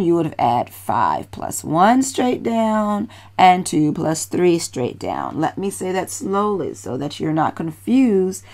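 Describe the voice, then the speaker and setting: A woman teacher patiently explaining a children's math lesson, encouraging and repeating steps. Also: fairly low pitch.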